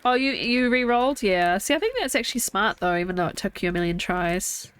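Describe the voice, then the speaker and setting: A young woman streamer with a congested, stuffy nose chats casually and thinks aloud while playing a game at home. Her medium-pitched voice is animated, brisk, a bit bright and clean in tone, in a casual live gameplay chat.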